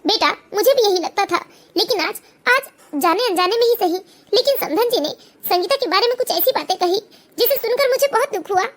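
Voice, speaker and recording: A woman doing a gentle cartoon mother-in-law. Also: extremely high pitch, expressive, a little fast. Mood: hurt. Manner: gentle, soft-hearted. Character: kind, trusting middle-aged mother-in-law. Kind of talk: cartoon voice acting.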